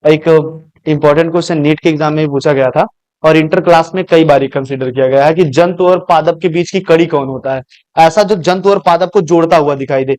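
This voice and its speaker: A man's voice: fairly high pitch, a little fast, darkish tone, dry recording. A male coaching teacher giving a classroom biology lecture, asking questions and answering them himself as he explains to his students.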